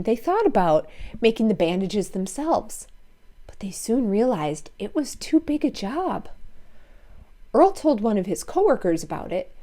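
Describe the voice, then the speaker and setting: A woman with a dark-toned voice on the high side reads a children's story aloud expressively as a storybook narrator, tossing in playful asides to her listeners.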